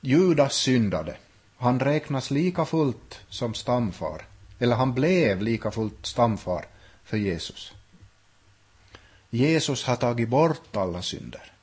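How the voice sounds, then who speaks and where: A man's voice: medium pitch, very animated, a little mellow, slightly rough. A man teaching a Bible study, thinking aloud with frequent restarts and hesitations. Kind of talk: unscripted Bible study talk.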